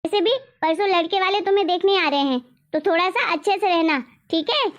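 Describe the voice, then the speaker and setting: A woman's voice: very high voice, a little fast. A woman voicing a strict, nagging middle-aged mother in a cartoon story, lecturing and scolding.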